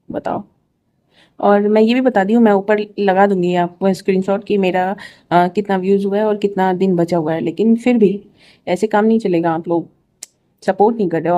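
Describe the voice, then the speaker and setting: Young woman vlogger, mellow tone, rambling chatty delivery with exasperated asides. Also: mid-range voice, dull audio. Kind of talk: casual chat to camera.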